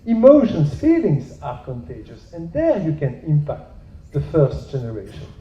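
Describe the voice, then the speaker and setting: Emphatic man with a high-ish voice, echoey. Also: wildly swooping pitch, normal speed. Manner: emphatic, repeats key points. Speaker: expert panelist. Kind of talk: panel discussion. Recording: echoey room, dull lo-fi sound.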